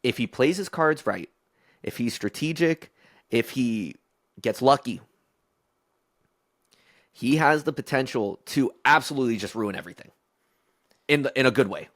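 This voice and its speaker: A man's voice: medium pitch, lively intonation, moderate pace, pauses often, a bit bright, no room sound, clean studio sound. A man co-hosting a podcast in casual chat, playful and speculative, stretching words for emphasis. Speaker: podcast co-host.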